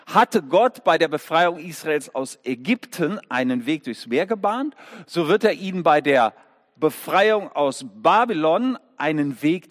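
Lively high-voiced preacher in echoing church. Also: male voice. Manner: lively storytelling preacher with rhetorical questions. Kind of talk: sermon. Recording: long echoing church reverb.

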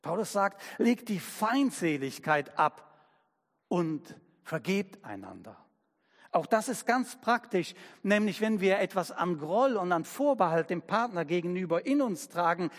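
A man preaching a sermon as pastor, slow and emphatic, using everyday examples. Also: high voice, lively intonation, long reverb tail.

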